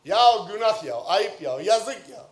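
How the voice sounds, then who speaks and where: A middle-aged man with a Turkish Cypriot accent giving a heated parliamentary speech at a lectern microphone, swinging from low jabs to shouted outbursts. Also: big pitch swings, a little slow. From Northern Cyprus. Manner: speaking at a lectern microphone in the chamber. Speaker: member of parliament. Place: parliament chamber. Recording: roomy chamber echo.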